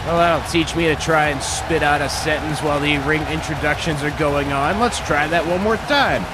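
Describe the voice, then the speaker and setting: Higher-pitched man doing wrestling game commentary. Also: normal speed, heavy background noise. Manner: chatty, self-deprecating, improvised. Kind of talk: excited play-by-play commentary on a video game.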